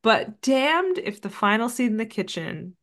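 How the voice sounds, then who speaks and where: A woman's voice: fairly high pitch, sing-song, unhurried, fairly bright tone. A woman in her thirties co-hosting a casual movie podcast, rambling with lots of "like" and "um". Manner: rambling, filler-heavy, frequent "like". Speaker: podcast co-host. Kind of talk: casual movie recap chat.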